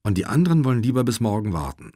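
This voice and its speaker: A man voicing a calm river guide with low, dry humour in an audiobook. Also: very fast, dry recording. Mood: dry joking.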